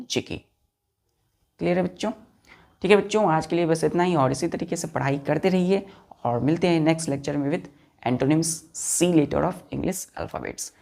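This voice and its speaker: A woman with a notably low, gravelly voice teaches a vocabulary lesson to her students. She spells each word slowly, one letter at a time, and counts the letters aloud with patient repetition. Her listeners are addressed as children throughout. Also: darkish tone.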